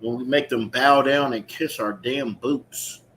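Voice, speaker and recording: A preacher speaks in a steady, unhurried, mid-range voice with a bit of brightness as he leads a scripture teaching. He explains scripture emphatically, repeats phrases, and checks in with listeners in a street-preaching style sermon with call-and-response reading. Ambient background sound makes the recording clearly noisy.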